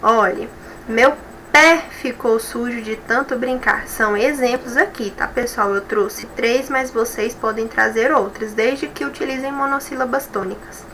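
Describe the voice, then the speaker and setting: A Brazilian woman teacher with a Brazilian Portuguese accent, explaining rules slowly and stepwise in a recorded school review lesson, often checking in with her students. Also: fairly high pitch, pushed and bright, a little hiss or hum, poor audio. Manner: slow, explanatory, repeats rules and checks with "tá bom?".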